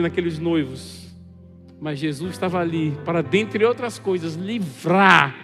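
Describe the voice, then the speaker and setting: High, bright-voiced Brazilian preacher in a hall. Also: male voice. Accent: Brazilian Portuguese. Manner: animated, acts out quoted voices. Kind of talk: sermon. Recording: long hall reverb with faint music.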